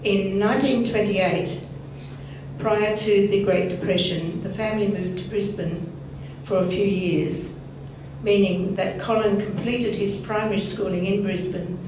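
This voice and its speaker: An older woman delivers a scripted eulogy in a measured, gently wry way. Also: medium pitch, steady tone. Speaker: eulogist at a family memorial. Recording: very echoey hall, distant mic, noisy.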